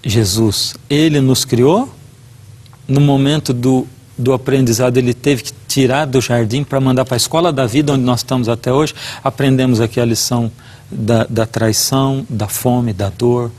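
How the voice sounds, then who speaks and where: A man's voice: mid-range voice, steady tone, moderate pace, darkish tone. A middle-aged man, a guest preacher, giving a devotional talk and telling a personal story earnestly, acting out the dialogue.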